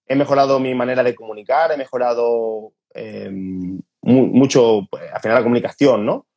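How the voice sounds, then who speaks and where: A man's voice: mid-range voice, moderate pace, husky. A man from Andalusia with an Andalusian accent, a podcast guest talking casually and informally, stumbling now and then. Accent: Andalusian Spanish. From Andalusia, Spain. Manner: relaxed, informal, stumbles at times.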